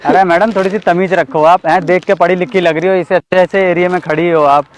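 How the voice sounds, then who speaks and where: A young man hosting a staged street skit, earnestly lecturing and pleading for calm, outdoors on a city street. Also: high-pitched, fairly quick, crowd noise. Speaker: prankster host of a street skit. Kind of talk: scripted street confrontation skit.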